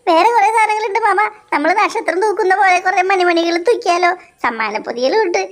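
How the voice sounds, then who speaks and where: Woman doing an excitable cheeky little boy. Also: very high-pitched, brisk. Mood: chatty.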